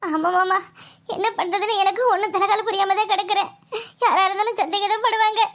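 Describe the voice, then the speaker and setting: Shrill, very high cartoon village daughter-in-law, voiced by a woman; sobbing lament, regional southern dialect, scheming. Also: fairly even intonation, a little fast, a bit bright. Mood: fretful scheming. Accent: southern Tamil Nadu village dialect. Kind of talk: cartoon voice acting.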